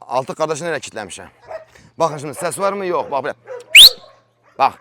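A man filming a casual farm vlog, barking short sharp commands at a dog and grumbling bluntly between them, outdoors on a farm. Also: fairly high pitch, very animated, quick pace, very noisy. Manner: blunt, grumbling colloquial talk. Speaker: dog trainer and farm vlogger.

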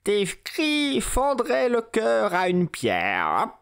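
A man doing a slow, grave frog king. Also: high voice, huge pitch swings, gravelly, fairly bright tone, clear, resonant tone, voice pushed up, heavily acted. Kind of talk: storybook reading.

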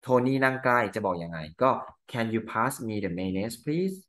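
A Thai-accented teacher with a medium-pitched, sing-song, fairly bright voice works through exam answers. He reads each English line slowly, then explains it in Thai.

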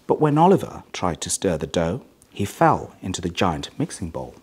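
A middle-aged hospital chief executive with a very low, rough-edged voice reads a children's storybook from a script. He is measured and expressive, his pitch swinging widely from one phrase to the next.

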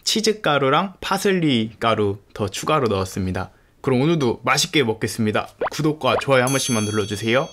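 A man's voice: medium pitch, expressive, brisk, hardly any pauses, noisy background. A man hosting an eating show, chatting casually about his food while his mouth is full of meat. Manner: chatty, explains what he cooked. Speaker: mukbang host. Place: home.

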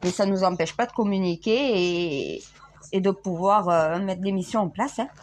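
A woman's voice: mid-range voice, moderate pace, a little mellow. A French woman talking casually to viewers in a rambling way, with frequent laughs and restarts. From France. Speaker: self-styled spiritual vlogger.

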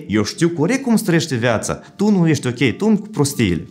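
A man's voice: fairly high pitch, very animated, darkish tone, pitched above the performer's own voice. A man voicing a nagging, reproachful middle-aged wife who scolds her husband in a raised voice. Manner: scolding, accusing tone.

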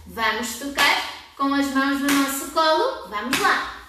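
A woman's voice: high voice, lively intonation, a little slow, noisy background. A young woman with a European Portuguese accent, speaking in a kindergarten teacher voice, prompting small children with questions as she leads a play class. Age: young adult. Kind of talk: demonstrating a children's game to camera. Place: padded indoor children's playroom. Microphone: camera several metres away. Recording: very echoey room, distant microphone.

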